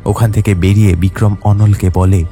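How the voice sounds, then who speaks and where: A man narrating a detective audio story in a steady, even manner. His voice is low and mellow. Soft music runs beneath the narration. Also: moderate pace.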